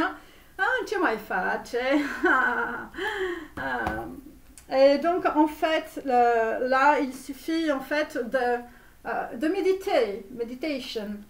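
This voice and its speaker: A woman doing a flamboyant Romanian tarot guru. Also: high-pitched. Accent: put-on Romanian accent in French. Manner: grandiose, sprinkles English words, drawn-out phrases. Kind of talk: parody tarot reading. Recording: roomy echo, mic far off.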